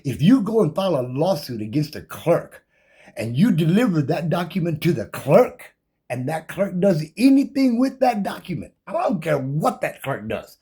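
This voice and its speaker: A combative man talks on in a loose, profane rant, daring anyone to challenge him. His voice is somewhat husky and sits a bit high for a man. His pitch jumps around a great deal as he repeats himself and reels off legal codes. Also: very animated, moderate pace, mellow. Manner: combative, defiant, rattles off legal code numbers; loose, repetitive, slangy and profane. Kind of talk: impassioned monologue rant.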